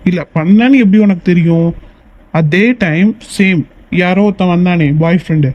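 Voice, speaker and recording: A man's voice: high-pitched, moderate pace, muffled recording, close to an everyday voice. A man voicing a protective young male lover in a cartoon, stern and questioning.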